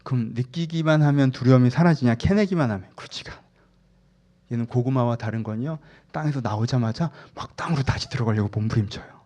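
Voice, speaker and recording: Man, pastor, sermon, lively storytelling, mid-range pitch, acts out voices. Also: quick pace. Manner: animated storytelling, acts out inner voices loudly.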